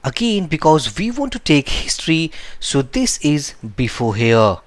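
Man giving a lively coding tutorial. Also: fairly high pitch, a little slow, dry recording. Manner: explains step by step, correcting himself aloud; nonstandard English phrasing. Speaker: programming tutor. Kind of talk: screen-recorded coding lesson.

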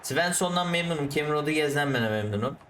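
A man commentating his own football video game match, ranting at the referee and the players, then calmly explaining his tactics. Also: a little high, fast, roomy sound, recorded from a distance, a little hiss or hum. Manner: switches to calm explaining of tactics. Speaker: gaming YouTuber.

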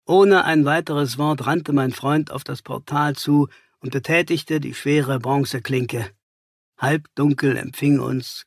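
A man's voice: mid-range voice, vocal fry, slightly rough, dry recording, clean studio sound. A man reading a detective story aloud as a first-person audiobook narrator.

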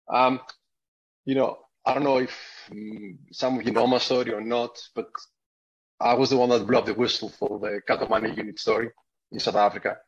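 Greek man, husky low voice, halting testimony, dull lo-fi call audio. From Greece. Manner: hesitant, many fillers and restarts. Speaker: whistle-blower guest. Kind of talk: personal testimony on a video call. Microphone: video call.

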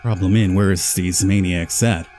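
A man's voice: deep voice, steady tone, moderate pace, a little mellow, soft background music. A man hosting a horror game playthrough, chatting and rambling casually to his viewers. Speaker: gaming video host.

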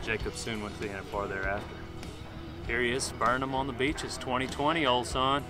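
Folksy host over music. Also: male voice, medium pitch, steady tone, brisk. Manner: folksy, says "old son". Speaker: show host. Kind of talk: upbeat vlog narration. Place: outdoor ranch arena.

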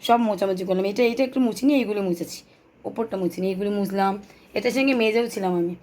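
A young woman with a hoarse throat, chatting to her viewers in a casual home vlog while filming on a handheld phone. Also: mid-range voice, fast talker, a little mellow, rough recording. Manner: chatty, addresses viewers directly. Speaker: vlogger. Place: small home flat. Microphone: phone held in hand.

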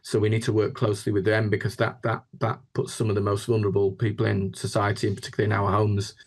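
This Yorkshire man, a housing chief executive interviewed over video call, speaks fast with a lowish voice and a completely flat delivery. His answers are reflective, and he frequently repeats words as he goes.

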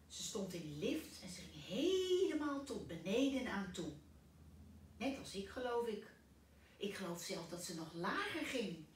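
A woman's voice: medium pitch, big pitch swings, unhurried, slight background noise. A woman voicing an eager, curious young boy in a storybook. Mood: earnest. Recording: echoey room, distant mic.

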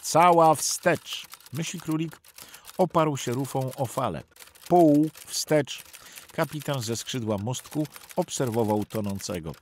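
A man's voice: mid-range voice, unhurried, a little hiss or hum. A man giving tense, vivid documentary narration of a sea rescue. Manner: tense, vivid storytelling that acts out the shouted orders.

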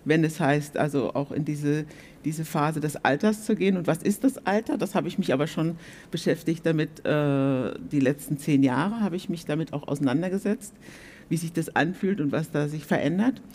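A woman in her sixties, a guest on a theatre stage, telling her story in a reflective, animated way. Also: low-pitched, moderate pace, a little hiss or hum. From Germany. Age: 60s. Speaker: panel guest. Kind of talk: stage panel talk.

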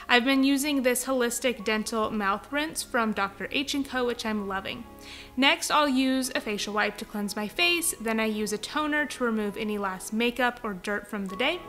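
Upbeat young woman chatting in her vlog, crisp bright voice, kinda high, soft music under it. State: pregnant. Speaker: vlogger host. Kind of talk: cheerful vlog talk and voice-over narration.

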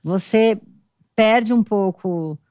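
A Brazilian woman, an influencer, telling stories in a relaxed, wry podcast chat. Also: mid-range voice, drawn-out words, no room sound, clean studio sound. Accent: Brazilian Portuguese. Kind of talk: casual chat.

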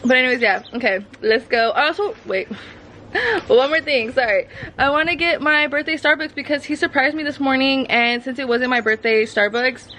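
A woman of twenty-two, talking to her camera in a casual vlog, excitable and gushing, full of slang. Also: high-pitched, normal speed, slight background noise, low-quality recording. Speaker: vlogger.

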